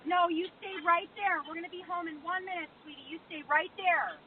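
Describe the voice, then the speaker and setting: A homeowner, a woman, talking remotely through a doorbell camera speaker, calming and repeating short reassurances. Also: extremely high pitch, a little fast. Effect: voice heard through a doorbell camera speaker. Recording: tinny doorbell speaker with noise.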